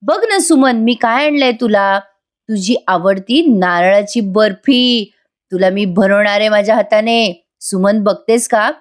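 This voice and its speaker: A woman's voice: mid-range voice, natural voice. Woman doing a sly coaxing older man. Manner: slow, syrupy coaxing. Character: scheming older man, falsely sweet and coaxing.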